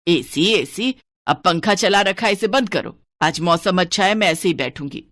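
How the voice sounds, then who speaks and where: A woman's voice: fairly low pitch, lively intonation, normal speed, fairly bright tone. A woman doing a stingy, bossy old mother-in-law. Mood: grumbling. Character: miserly, scheming older mother-in-law. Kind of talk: cartoon voice acting.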